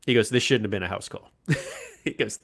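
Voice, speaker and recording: Speaking a little fast in a lowish voice, this man is a podcast co-host spinning a lively, casual anecdote. He performs the quoted voices of the characters as he goes.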